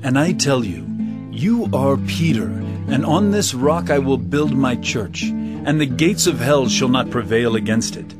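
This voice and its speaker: An actor playing Jesus as a grave, commanding teacher, speaking with solemn, earnest emphasis. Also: male voice, medium pitch, animated, a little slow, natural voice. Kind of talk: audio drama acting. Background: guitar music.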